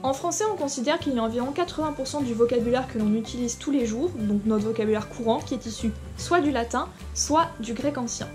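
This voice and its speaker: A woman's voice: on the high side, a little fast, few pauses, over music. A woman teaching a short lesson, talking directly to the viewer in an informal way with frequent hesitations. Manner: informal, addresses viewer directly, many fillers. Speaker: Latin teacher. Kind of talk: explanatory lesson video.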